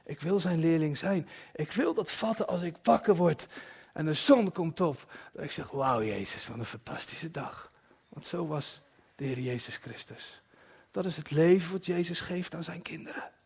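A man preaching a sermon in a personal, confessional way, dropping to soft asides at times. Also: on the high side, normal speed, vocal fry, breathy edge.

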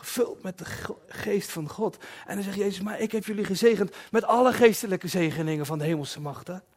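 A man preaching a sermon in a personal, confessional way, dropping to soft asides at times. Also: high-pitched, a little fast.

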